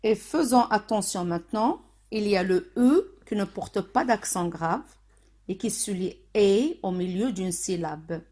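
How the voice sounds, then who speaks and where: A woman teaching a phonics lesson to children, speaking slowly and spelling out sounds syllable by syllable. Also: medium pitch, animated, warm tone. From Morocco. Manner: slow, deliberate, syllable by syllable.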